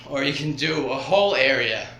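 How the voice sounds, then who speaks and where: A man talking casually while demonstrating stretches, out of breath and rambling in halting phrases strung together with "and". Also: medium pitch, expressive, sharp tone. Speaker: vlogger. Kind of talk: casual exercise demonstration vlog. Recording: roomy echo, faint background hiss.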